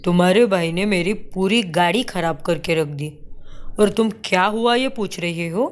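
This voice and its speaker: A woman's voice: on the low side, normal speed, natural voice. Woman voicing an angry young husband. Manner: angry, scolding. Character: short-tempered husband, young man. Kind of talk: cartoon story voice acting.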